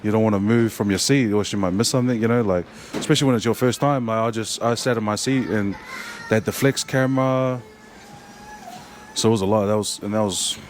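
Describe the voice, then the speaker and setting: Speaking in a fairly low register, a young Kiwi rugby player talks casually as an interview guest. He stumbles along with lots of fillers and restarts while faint noise sits in the background.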